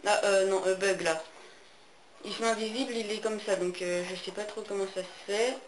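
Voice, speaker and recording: A man's voice: high-pitched, fairly even intonation, normal speed. A teenage boy explaining console steps in a tutorial, speaking hesitantly with many fillers. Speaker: gaming tutorial maker. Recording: echoey room, faint noise.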